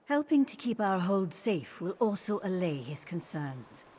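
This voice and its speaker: An actress voicing a dignified, shrewd fantasy queen in a video game, speaking in a formal, deliberate manner. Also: fairly low pitch, big pitch swings, a little mellow, a little hiss or hum. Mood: grave, firm. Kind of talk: video game character dialogue.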